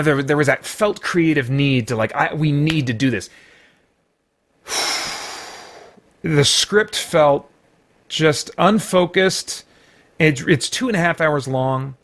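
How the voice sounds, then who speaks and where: Speaking in a slightly high, somewhat bright voice, a male podcast host reviews a film without a script. He's emphatic yet halting, rambling with one false start after another.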